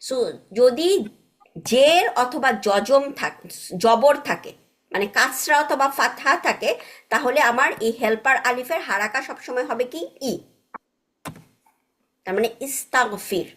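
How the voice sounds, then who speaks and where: A woman's voice: high-pitched, unhurried, a bit bright. A woman teaching Arabic grammar in an online class, patiently checking understanding with frequent tag questions and mixing English words into her explanations.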